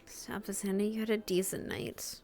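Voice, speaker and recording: A woman voicing a weary, guilt-ridden young woman in whispered role-play, hushed and sighing. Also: mid-range voice, steady tone, moderate pace, faint music behind, natural voice.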